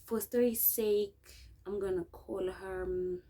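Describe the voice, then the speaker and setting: A woman's voice: mid-range voice, a little slow, noisy background. A young South African woman with a South African accent, telling a casual story in a vlog and acting out what people said. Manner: animated, acts out quotes, mixes in local words. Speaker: vlogger. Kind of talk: casual storytime while doing makeup.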